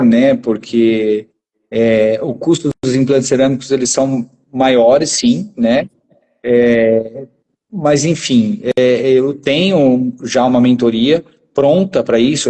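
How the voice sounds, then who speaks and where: A man's voice: mid-range voice, dark tone. A man speaking as a guest dentist in a casual conversation, explaining steadily and ending many phrases with a tag question.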